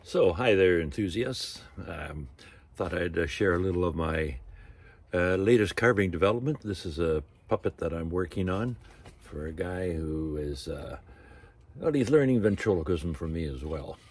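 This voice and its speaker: A man in his sixties giving an informal demonstration in an unhurried, halting way, with trailing asides. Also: deep voice, lively intonation, darkish tone, slightly rough, no echo. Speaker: ventriloquist and puppet carver. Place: outdoor canopy tent used as carving workshop.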